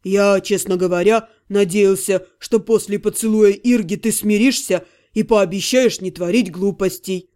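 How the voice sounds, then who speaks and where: A woman voicing a good-natured male half-gnome friend who scolds gently and coaxingly, in an audiobook. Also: mid-range voice, fairly even intonation, a little slow, few pauses, voice pushed down, natural voice. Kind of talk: audiobook character voice.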